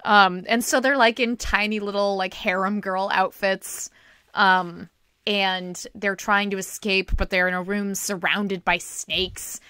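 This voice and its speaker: A woman hosting a podcast, telling rambling animated stories in casual chat. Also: medium pitch, unhurried, clear, resonant tone, no echo, clean studio sound. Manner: animated, rambling storyteller, breaks into singing. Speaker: podcast host.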